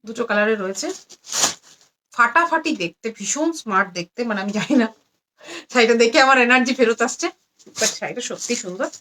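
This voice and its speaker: A tired, low-energy woman selling saris on a live stream, repeating every price again and again. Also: animated, brisk, long pauses, pushed and bright, a little hiss or hum. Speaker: online saree seller. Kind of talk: live-stream sales pitch. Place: indoors among stacks of saris.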